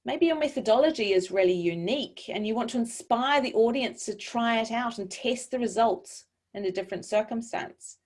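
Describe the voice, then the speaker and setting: A woman from New Zealand, her accent softened by long years in Europe, coaching a webinar audience in a clear, measured, encouraging way over a video call. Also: a little high. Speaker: webinar presenter. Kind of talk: online presentation coaching.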